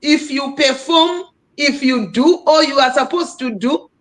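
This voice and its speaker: A Zimbabwean woman hosts a live stream panel in a casual, chatty way, and her high voice moves at an unhurried pace. She speaks emphatically and keeps urging her listeners on.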